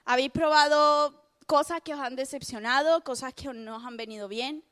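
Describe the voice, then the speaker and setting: Lively young woman from Spain preaching. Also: high-pitched, normal speed. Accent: Spain Spanish. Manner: lively, chatty, self-mocking, laughs often. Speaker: youth speaker. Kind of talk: youth sermon.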